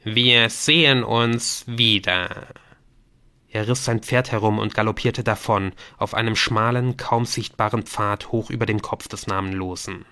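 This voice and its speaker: A man narrating a youth novel as an audiobook in an even, measured reading. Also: fairly low pitch. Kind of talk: scripted narration.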